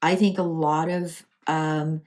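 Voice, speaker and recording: Speaking slowly in a low, somewhat mellow voice with little change in pitch, this Canadian-accented tarot reader and channel host muses aloud through an off-the-cuff, conversational reading.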